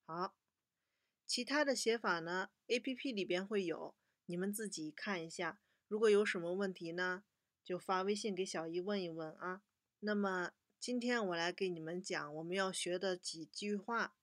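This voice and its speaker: A young woman teaching a children's language lesson, patiently slowing down to model each word for repetition. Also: on the low side, no echo, clean studio sound.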